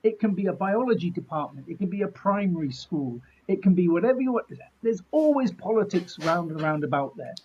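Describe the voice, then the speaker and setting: A man's voice: high-pitched, expressive, fairly quick, few pauses, a little mellow, dull audio, a little hiss or hum. A middle-aged man, telling anecdotes in casual chat in a jokey, self-deprecating, mildly sweary way. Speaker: martial artist being interviewed.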